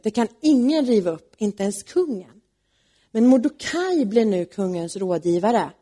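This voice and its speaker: Husky woman chatting through a story. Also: mid-range voice. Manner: lively, chatty, with fillers. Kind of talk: casual retelling of a Bible story.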